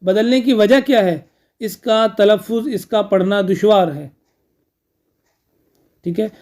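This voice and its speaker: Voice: medium pitch, slow pace, darkish tone. A grammar teacher lecturing a class, repeating key terms, posing questions and answering them, with frequent checking fillers.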